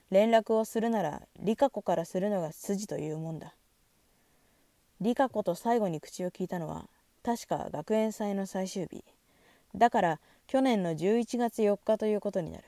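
A woman calmly reading a novel aloud in measured scripted narration, recorded close to the mic. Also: medium pitch, dry recording. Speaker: audiobook reader.

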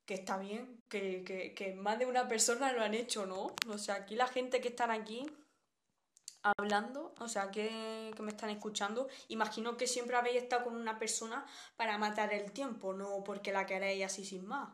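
A woman's voice: medium pitch, steady tone, moderate pace. Blunt, chatty young Spanish woman streamer. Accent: Spanish, from Spain. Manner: chatty, blunt, reads viewer comments aloud. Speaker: live streamer. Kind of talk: casual live-stream chat.

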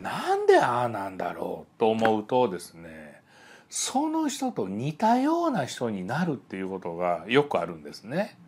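A man giving a psychology lecture, telling stories in an animated way and voicing the people in them. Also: lowish voice. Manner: animated storytelling, voices the people in his stories. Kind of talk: spoken lecture with acted-out dialogues.

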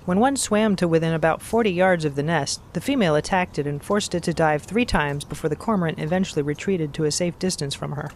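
A man reading scripted nature documentary narration in a measured, factual, explanatory manner. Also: a little high, a little hiss or hum.

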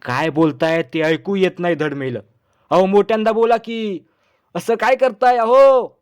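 A man's voice: sits high, measured pace, clean tone. A man voicing an embarrassed, scolding young wife in a comic storybook reading. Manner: sharp and scolding.

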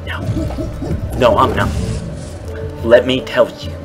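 A man casually commentating his own card game, teasing his opponent and slipping into mocking squeaky voices. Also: fairly even intonation, slow pace. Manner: playful trash talk at opponent, swings into squeaky mocking voices. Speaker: gameplay streamer. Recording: game music behind voice.

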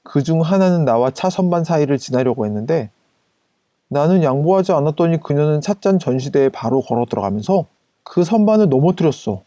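A man narrating a first-person anecdote as scripted storytelling, in an even, casual retelling style. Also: a little high, a little fast, no room sound.

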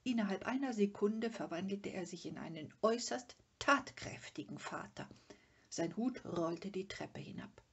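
A woman reader narrating a children's book in a calm, measured way, sometimes dropping to a near whisper. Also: medium pitch, slightly rough. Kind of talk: audiobook narration.

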